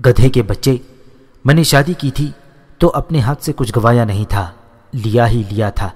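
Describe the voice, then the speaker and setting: A stern, hot-tempered old landlord barking insults and orders at his son, as a male narrator puts him on. The voice sits at an ordinary middle pitch for a man. It trails off into a long, ringing reverb. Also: close to an everyday voice. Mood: angry scolding. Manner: scolding, insulting, commanding.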